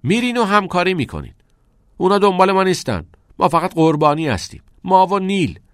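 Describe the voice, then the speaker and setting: A man's voice: medium pitch, animated, no room sound, clean studio sound, voice pushed up, close to an everyday voice. A man voicing a smug, self-serving teenage schoolboy who talks in a pushy, mocking way. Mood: sneering.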